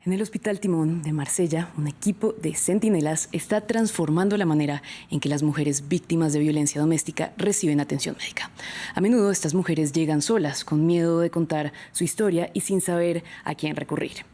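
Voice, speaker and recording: Casting: woman news presenter, low husky voice, measured studio delivery. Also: mellow.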